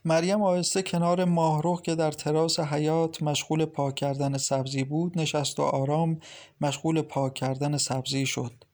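A man narrating a novel as an audiobook reader, in a steady, even storytelling delivery. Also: on the high side.

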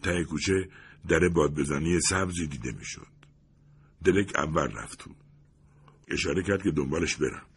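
A man calmly narrating an audiobook in an even storytelling manner. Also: very deep voice, long pauses, slight background noise.

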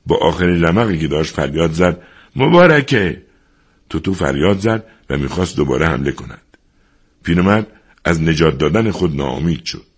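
Man, audiobook narrator, extremely deep voice, husky, slow measured reading.

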